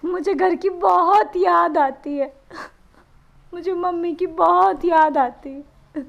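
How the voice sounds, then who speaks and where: An actress playing a young wife who is crying and homesick, pleading to go home. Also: female voice, very high-pitched, slow, vocal fry, heavily acted. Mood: tearful. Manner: pleading, tearful. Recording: dull lo-fi sound.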